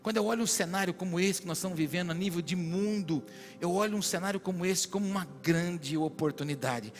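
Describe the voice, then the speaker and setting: A Brazilian pastor preaches in a high, ringing voice that climbs into shouted prophetic declarations. The sermon carries a long church-hall echo, with faint worship music underneath. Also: male voice, fast talker. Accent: Brazilian Portuguese.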